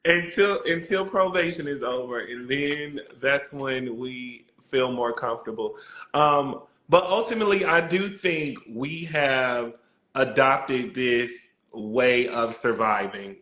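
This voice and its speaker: Male guest from Chicago, animated storyteller, bright and forceful. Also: mid-range voice, takes it slowly, reverberant. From Chicago, USA. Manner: animated storyteller, acts out voices. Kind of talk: casual conversation.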